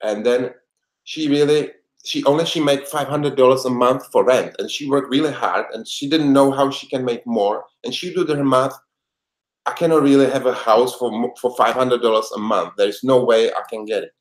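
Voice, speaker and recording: A man's voice: medium pitch, normal speed. Earnest Czech-accented man, roomy sound. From Czech Republic. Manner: earnest, heartfelt, with non-native grammar. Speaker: guest, life coach. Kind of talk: interview answers. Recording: echoey room sound.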